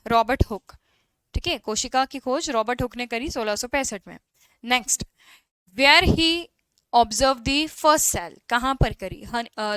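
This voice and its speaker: A high, bright woman teaching an online class with a smooth, clear voice. She explains in Hindi and reads English questions aloud slowly. The recording is dry and close. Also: no echo. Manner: answers student chat questions by name.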